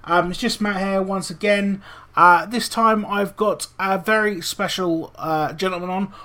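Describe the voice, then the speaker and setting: A man's voice: sits high, steady tone, a little slow, sharp tone. A man hosting a podcast interview in a casual, chatty style. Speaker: podcast host.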